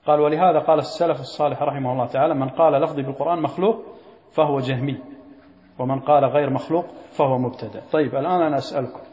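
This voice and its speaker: A man's voice: on the high side, a little mellow. A man teaching a creed lesson, quizzing his students and repeating key phrases. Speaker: sheikh teaching a creed text. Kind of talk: classroom lesson. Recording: echoey lo-fi hall recording.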